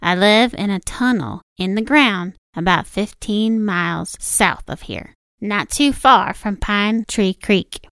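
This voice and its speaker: A man's voice: high-pitched, slow pace, vocal fry, sharp tone, smooth, no echo, pitched above the performer's own voice, full character voice. A man voicing a pokey male porcupine in a storybook, speaking unhurriedly. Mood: friendly.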